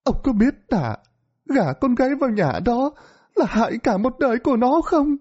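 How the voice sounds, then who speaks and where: A reproachful ghost wife speaks in a high, shrill, accusing voice, as a male storyteller puts her on. The audio storybook recording sounds dull and lo-fi. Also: very animated, moderate pace, mellow, husky, exaggerated voice. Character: ghostly reproachful wife, middle-aged woman.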